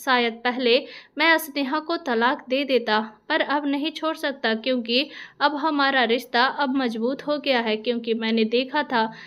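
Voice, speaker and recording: A woman's voice: high voice, measured pace, fairly bright tone. A woman reading the lines of a young husband who stands firm for his wife. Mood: earnest. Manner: earnest. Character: young husband, earnest and defiant.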